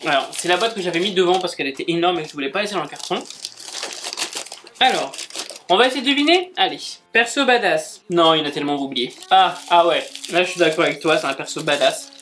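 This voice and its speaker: A man's voice: fairly high pitch, fast talker, pushed and bright, slight background noise. Gushing man unboxing on a vlog. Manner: gushing, exclamatory, chatty with fillers. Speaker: book and manga YouTuber. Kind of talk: casual unboxing chat.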